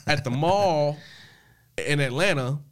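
A man's voice: on the high side, slow pace. A man co-hosting a casual podcast, telling news stories in a loose, rambling way, with lots of fillers and profanity. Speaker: podcast co-host. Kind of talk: casual chat.

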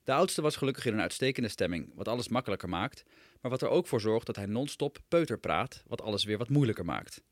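A man's voice: fairly low pitch, animated, fast, no room sound. A man, a writer, reading aloud his own humorous personal essay with dry, wry storytelling.

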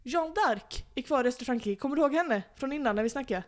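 A woman's voice: sits high, lively intonation. A woman casually telling a history story to a friend, playfully acting out the people in it. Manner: playful, acts out quoted figures, laughs often. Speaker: podcast host telling history.

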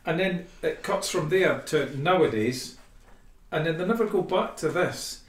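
A man's voice: on the high side, expressive, measured pace. A man co-hosting a casual podcast, animatedly recounting a comic story with laughs. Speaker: podcast co-host. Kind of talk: casual chat. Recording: roomy and distant from the mic.

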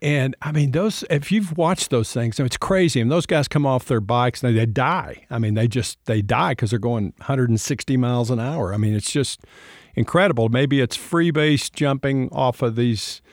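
A male host in a reflective faith conversation answers his guest with warm, ready affirmations. He drifts into long, winding stories and keeps a mid-range voice. The sound is close and dry. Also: medium pitch, moderate pace, no room sound. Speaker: podcast host.

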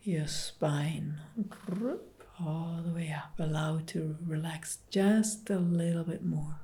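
A woman leading a guided relaxation meditation, speaking softly and partly in whispers. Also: sits low. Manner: soft, slow, soothing, partly whispered.

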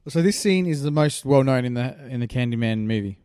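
A man's voice: mid-range voice, animated, a little fast, dark tone, clean tone, no echo. A man co-hosting a podcast, chatting casually and throwing in dry, skeptical remarks. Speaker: podcast co-host. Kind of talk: casual chat.

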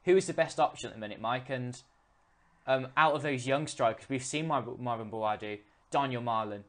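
A man's voice: mid-range voice, normal speed. A man hosting a podcast, reading listener questions aloud and chatting conversationally with hesitant fillers. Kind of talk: casual podcast discussion.

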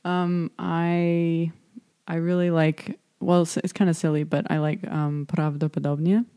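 Her voice is fairly low, warm and clean, with little pitch movement and an unhurried pace. She's a young American podcast host and native English speaker, chatting casually in a hesitant, self-deprecating way and laughing often.

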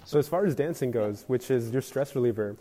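A man's voice: medium pitch, animated, fairly quick, warm tone, a little hiss or hum. A man hosting a podcast, asking questions and agreeing with his guest in casual chat. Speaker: podcast host. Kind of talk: casual interview.

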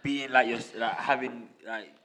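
A man's voice: mid-range voice, steady tone, unhurried, a crowd in the background. A man with a London accent bantering as a podcast co-host, blunt, slangy and insistent.

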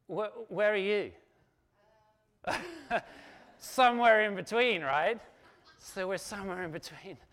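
A middle-aged pastor preaching a sermon in a conversational, animated way, full of asides and rhetorical questions. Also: male voice, high-pitched.

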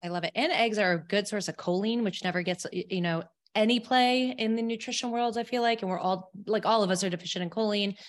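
A woman's voice: mid-range voice, fast talker, few pauses. A woman with a slight upstate New York accent, hosting a podcast and chatting about nutrition in an enthusiastic, agreeable way. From Albany, New York. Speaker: podcast host, nutrition practitioner. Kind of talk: conversational podcast interview.

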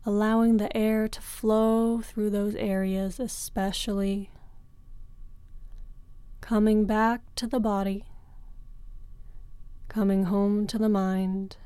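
A woman teaching yoga, guiding a breathing meditation in a slow, soft and soothing way with long pauses, recorded on a close mic. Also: mid-range voice, flat delivery, clear, resonant tone, no room sound.

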